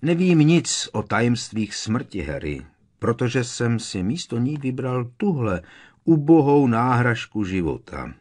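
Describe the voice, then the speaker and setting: A man's voice: medium pitch, sing-song, pitched above the performer's own voice. A man voicing a mournful, courtly ghost. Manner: quiet, mournful, hesitant. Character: sorrowful male ghost, old courtly gentleman. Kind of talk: audiobook character reading.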